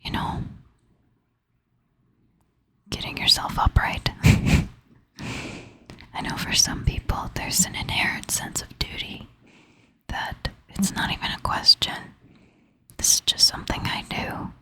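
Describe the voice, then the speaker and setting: A woman speaks almost entirely in a breathy whisper, sometimes rising to a soft half whisper. She takes her time, slow and unhurried, and sounds sleepy and tired. Her whisper has a bright, crisp edge. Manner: soft, slow, intimate whispering with gentle laughs. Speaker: ASMR creator. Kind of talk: ASMR whispered chat to the viewer.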